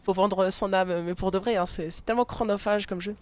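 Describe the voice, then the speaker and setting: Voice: mid-range voice, fairly even intonation, a little fast, a little mellow. A live streamer chatting casually while playing a game, hesitant, with many fillers and restarts, and laughing often.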